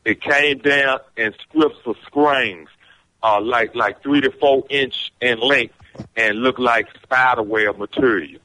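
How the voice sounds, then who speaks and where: Man, caller, glitchy breaking-up phone audio, bright tense voice. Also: mid-range voice, takes it slowly. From Richmond, Virginia. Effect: breaking-up, glitchy phone-call audio.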